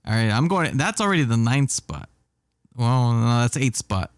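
A man's voice: mid-range voice, animated, moderate pace, clean tone, no echo, studio quality. Laid-back man in casual sports chat. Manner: laid-back, laughs often, trails off and restarts.

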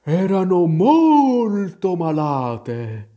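A man doing a drowsy, hoarse dormouse. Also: high voice, huge pitch swings, muffled recording, voice pushed up, full character voice. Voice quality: hoarse, faint. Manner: drawn-out, drowsy speech. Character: sleepy male dormouse, slow and grumpy.

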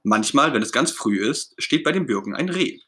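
A man narrates a children's story aloud in an expressive, gentle storytelling style. He speaks at medium pitch and normal speed.

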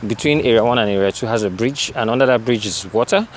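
A man's voice: mid-range voice, fast. A man with a Nigerian accent who slips into Nigerian Pidgin, giving a hesitant, unscripted field report and interview. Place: outdoors near a bridge. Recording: faint outdoor street and vehicle noise.

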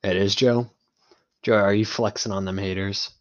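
A man's voice: lowish voice, fairly even intonation, moderate pace. A young man chatting casually with his friends in joking gamer-bro banter full of slang. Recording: dull lo-fi mic sound.

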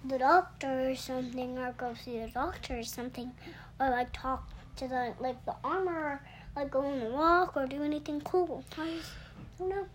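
A woman's voice: sits high, moderate pace, slight background noise. A young girl co-hosting a family podcast, chatting in a rambling, giggly way. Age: child. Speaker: podcast co-host. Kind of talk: casual chat.

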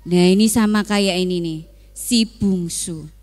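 A woman's voice: lowish voice, measured pace, soft background music. A woman telling a Bible story to Sunday school children and quizzing them. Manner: animated, asks children questions.

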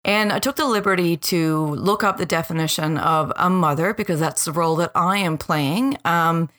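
Earnest woman with a lowish voice. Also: a bit bright. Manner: earnest, deliberate. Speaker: podcast host. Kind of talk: personal, reflective monologue to listeners.

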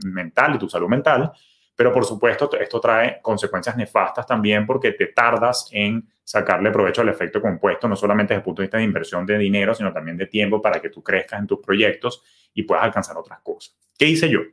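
A middle-aged man talks through a personal finance podcast episode alone. He sounds earnest and coaching, and he leans on homely examples. His voice sits fairly low. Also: a bit bright. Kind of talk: monologue podcast.

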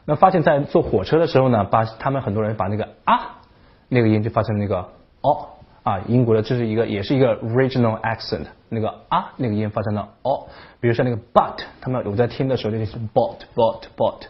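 A man hosting a casual video lesson on English, talking in an animated way and breaking off to imitate accents. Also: medium pitch, quick pace, slightly rough, lo-fi sound. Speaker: English teacher, channel host.

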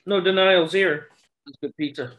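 A man's voice: high-pitched, moderate pace, a bit bright. A young man co-hosting a podcast in casual banter, joking, swearing and laughing often. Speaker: podcast co-host.

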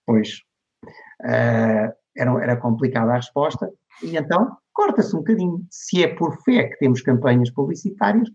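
A gravelly, darkish, mid-range voice with lively intonation moves at normal speed. It belongs to a middle-aged digital marketing lecturer from Portugal, speaking with a European Portuguese accent as an interview guest who tells stories and voices the people he quotes. The recording sounds dull and lo-fi.

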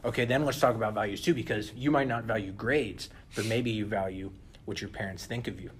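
A young man co-hosting a podcast in casual chat, animated and often turning to listeners with "listen". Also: lowish voice, fairly quick, husky. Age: young adult. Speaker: podcast co-host.

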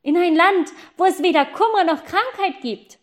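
A woman voicing a cheeky young boy who shouts his answers down from a flying goose in a storybook reading. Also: very high voice, lively intonation, moderate pace, pitched above the performer's own voice. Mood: shouting. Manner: shouting loudly.

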